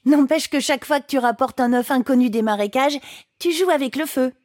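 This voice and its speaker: A woman's voice: high-pitched, brisk, darkish tone, no room sound, clean studio sound, lightly acted. A woman voicing a bold, teasing young girl who takes charge in an audiobook drama. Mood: self-assured. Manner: teasing, self-assured.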